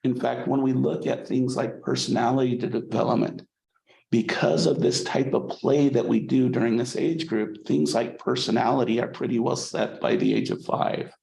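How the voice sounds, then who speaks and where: In a poor-quality, roomy recording, a man lectures a college psychology class with a warm, medium-pitched voice, steady and moderately paced, with vocal fry. He talks conversationally and frequently checks in with "okay?". Restarting, he tends to repeat words.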